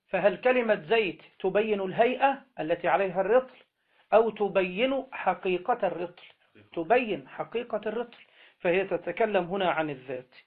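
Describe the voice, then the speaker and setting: A man teaches a grammar class in a fairly high voice, slowly stretching his words and prompting students to answer. The recording is thin and tinny, like a phone line. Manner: slow, drawn-out delivery with question-and-answer prompts.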